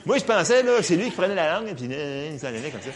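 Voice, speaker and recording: A man with a Quebec French accent gives a testimony sermon in church. His pitch leaps up and down as he tells his story with lively animation, often breaking into laughter. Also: fast, background noise. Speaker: preacher.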